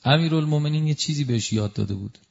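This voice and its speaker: A man preaching a devotional sermon through a story, emotive, swinging from loud exclamations to hushed asides. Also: fairly high pitch, gravelly, dull audio.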